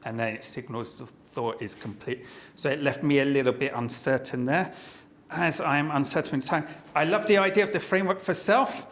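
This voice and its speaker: Brief: man, slightly high voice, encouraging club evaluator, faint background hiss. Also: fairly even intonation, brisk, a bit bright. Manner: encouraging, plays a mock sales pitch for laughs. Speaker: speech evaluator.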